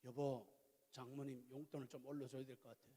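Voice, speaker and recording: A woman's voice: on the low side, fairly even intonation, fairly quick, mellow, slight background noise, close to an everyday voice. A man quoting his middle-aged wife in a sermon, his voice barely changed, earnest and plainspoken. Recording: reverberant church hall.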